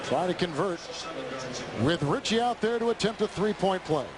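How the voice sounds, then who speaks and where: A man's voice: high-pitched, lively intonation, moderate pace. A man doing live play-by-play football commentary as a broadcast announcer. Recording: loud stadium noise behind broadcast. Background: crowd and stadium noise.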